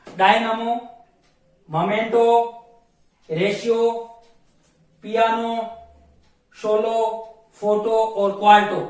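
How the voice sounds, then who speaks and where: A man teaching a classroom grammar lesson, patient and repetitive, spelling words out letter by letter. His voice sits high for a man and. He sounds far from the mic in a very echoey room. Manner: explains slowly, repeats rules, spells words letter by letter.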